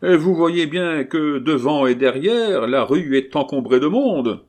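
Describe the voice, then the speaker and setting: A man voicing an angry male carter who shouts and swears because he is stuck in a crowd. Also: a little high, lively intonation, takes it slowly, pitched above the performer's own voice. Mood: exasperated shouting. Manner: exasperated, shouting oaths.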